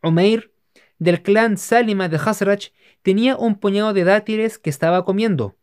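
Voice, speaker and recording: A narrator giving a steady, measured scripted reading of religious history. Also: medium pitch, clear, resonant tone.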